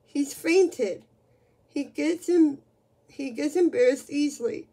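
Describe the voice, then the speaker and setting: A woman reading the lines of an excitable male farmer who is proud of his pig, speaking in an earnest, hurried way. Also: high-pitched. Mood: flustered.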